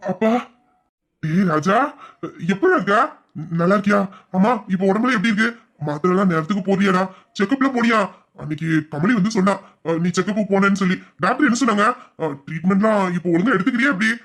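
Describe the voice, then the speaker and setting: A man doing a gentle, soothing old father. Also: sits high, brisk. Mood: soothing, fond. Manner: warm, soothing, reassuring with hesitant fillers. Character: gentle, loving older father comforting his son. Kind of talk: audio drama acting.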